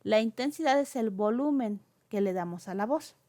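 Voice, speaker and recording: A woman's voice: fairly high pitch, animated, normal speed, dark tone. A woman lecturing on oral communication, explaining step by step with frequent fillers and checking questions. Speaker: teacher.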